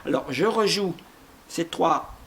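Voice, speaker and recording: A man's voice: fairly high pitch, expressive, slow, a bit bright, a little hiss or hum. A man teaching a guitar lesson step by step, patiently explaining chords and rhythm and singing short phrases to demonstrate. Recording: guitar playing along.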